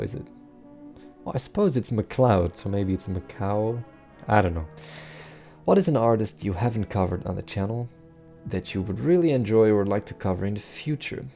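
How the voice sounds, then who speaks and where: A man's voice: fairly low pitch, mellow. A man in his twenties hosting a casual viewer Q&A, answering in a dry, offhand, self-deprecating way while his voice is giving out. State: losing his voice. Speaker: bass cover channel host.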